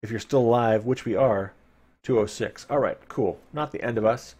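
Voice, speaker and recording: A man streams a live read-aloud of a fantasy gamebook, playful and informal in his asides and dramatic when he narrates. His voice is medium in pitch, at a normal speed, and a little mellow.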